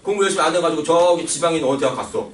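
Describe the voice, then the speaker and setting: Recorded at a distance in a noisy, echoing classroom, a man teaches math in rapid-fire bursts, his voice on the high side. He jokes around and teases, drops coarse slang, and keeps asking students whether they agree.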